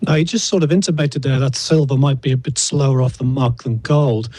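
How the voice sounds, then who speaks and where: A man asking measured, leading questions as an interviewer. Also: mid-range voice, mellow, dry recording.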